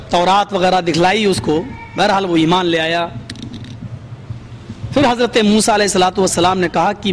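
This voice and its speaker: Picture a high-pitched man preaching to a seated gathering, spinning a story in sermon form. He grows dramatic and lifts his voice whenever he quotes someone. A faint hum of noise sits under him. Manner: dramatic, voice rising for quoted speech. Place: gathering before a seated audience.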